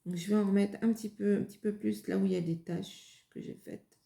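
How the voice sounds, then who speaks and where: Demonstrating and testing craft materials on video, a woman speaks a little fast at a medium pitch, her tone steady and dark with vocal fry. She sounds casual and hesitant, often using fillers and starting over, and the room echoes.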